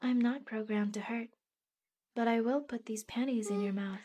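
A woman playing a too-smooth female android. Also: a little high, normal speed, a little hiss or hum, natural voice. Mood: smooth, clinical. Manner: even, polished robotic phrasing. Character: calm, overly smooth female android servant.

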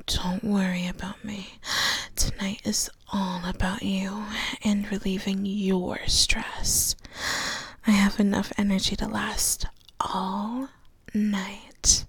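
A woman in an intimate, erotic whispered role-play, murmuring affectionate sweet nothings to a partner in a breathy voice. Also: mid-range voice, no room sound.

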